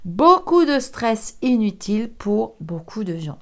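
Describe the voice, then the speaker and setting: Chatty woman doing slow psychic readings. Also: on the high side, very animated. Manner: chatty, laughs often, drops into whispers. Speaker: psychic reader. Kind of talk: casual tarot reading chat.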